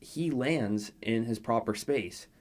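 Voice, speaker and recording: A man talking as a guest basketball analyst, measured and detailed. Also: medium pitch, a little mellow. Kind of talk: sports analysis chat.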